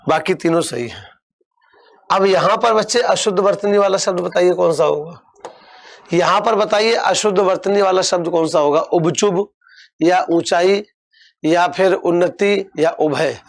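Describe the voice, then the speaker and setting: A young man teaching an online exam-prep class, coaxing his students and repeating words slowly. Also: fairly high pitch.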